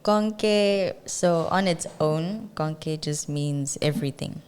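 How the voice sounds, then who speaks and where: Low-voiced young South African woman. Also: slow pace, a little mellow, slight background noise. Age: young adult. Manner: patient, explains pronunciation, laughs easily. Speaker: guest, English teacher. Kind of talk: casual interview.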